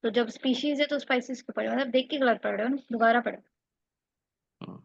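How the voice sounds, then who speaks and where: A woman's voice: fairly high pitch, moderate pace, vocal fry, dull audio. A woman tutoring one student for a spoken English test, correcting mistakes and explaining step by step. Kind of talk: one-on-one online lesson.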